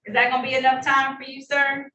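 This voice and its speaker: High, bright judge in a courtroom recording. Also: female voice, monotone, fast talker. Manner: formal yet friendly, reads charges and rulings. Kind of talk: presiding over traffic court hearings. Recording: roomy, distant courtroom recording with faint noise.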